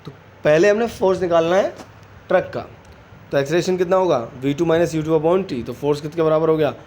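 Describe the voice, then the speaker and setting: A man's voice: a little high, darkish tone. A man teaching a physics lesson, mixing Hindi and English and often asking his students whether they follow. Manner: asks students quick check questions, calls them beta.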